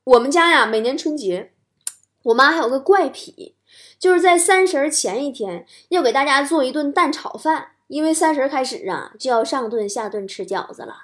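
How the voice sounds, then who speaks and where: A woman talk show host, doing an animated stand-up comedy monologue with playful punchlines. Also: sits high, moderate pace.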